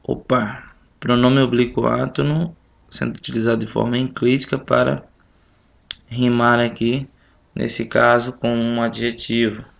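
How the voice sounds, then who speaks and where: A man's voice: mid-range voice, little pitch movement, a little slow. A male teacher with a Brazilian Portuguese accent going over a literature test step by step in a recorded home lesson, counting out syllables aloud. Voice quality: gravelly.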